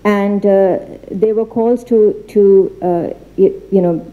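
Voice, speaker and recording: A woman giving an earnest seminar talk in an institute library, halting often with fillers and restarts. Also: mid-range voice, steady tone, dark tone, lo-fi sound. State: becoming emotional. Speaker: seminar speaker. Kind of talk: formal seminar talk with slides.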